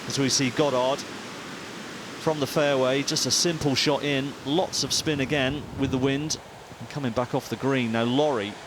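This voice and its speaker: Male golf commentator over clear background rumble. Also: steady tone, moderate pace. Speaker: golf co-commentator and former player.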